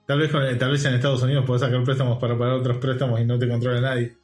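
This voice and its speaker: Flat-voiced wry Rioplatense man. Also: mid-range voice, very fast, faint music behind. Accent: Rioplatense Spanish. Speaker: podcast co-host. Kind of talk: casual film discussion. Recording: echoey room.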